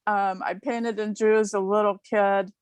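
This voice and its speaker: A woman's voice: mid-range voice, little pitch movement, moderate pace, darkish tone, clear, resonant tone, no room sound. A woman in her sixties from Ohio, a new club member, telling a heartfelt personal story on a video call, chatty and laughing between phrases. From Ohio, USA. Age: 60s.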